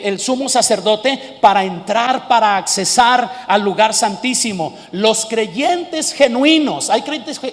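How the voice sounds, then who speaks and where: A middle-aged Mexican-accented pastor with a high voice, preaching his sermon in a lively way. He shouts some lines and drops to soft storytelling in others. The sound rings with the long reverb of a church hall. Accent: Mexican Spanish.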